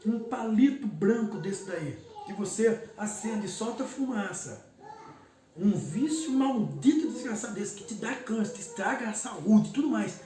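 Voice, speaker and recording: A pastor shares an emotional personal testimony, repeating words for emphasis as he speaks. His high, warm voice has lively intonation and a measured pace. The distant mic catches a roomy echo and faint background noise.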